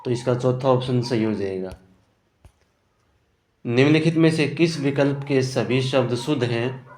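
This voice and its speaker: A man's voice: medium pitch, a little slow, a little mellow. A man teaching Hindi grammar for an exam, working through answer options and often checking "ठीक है ना". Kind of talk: exam prep lesson. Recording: roomy echo.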